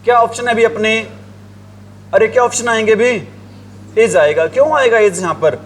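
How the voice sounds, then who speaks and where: A man with a high voice and a Hindi accent teaches grammar, firing questions at the class and answering them himself. He drills each point by repeating it. A faint hum runs underneath the recording. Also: moderate pace. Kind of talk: grammar lesson.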